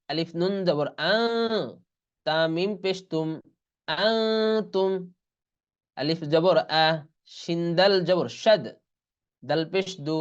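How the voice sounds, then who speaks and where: A man's voice: a little high, highs cut off. A man teaching an online Quran reading lesson. He spells out letters and vowels one by one, then draws out each whole word. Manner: slow, deliberate letter-by-letter spelling, then drawing out whole words. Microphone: online class recording.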